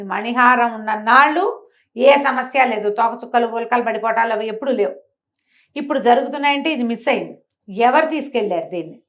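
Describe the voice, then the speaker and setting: This woman's voice sits fairly high and sounds a bit bright as she tells a story on a talk show. Her delivery is conversational and animated, sprinkled with rhetorical questions along the way.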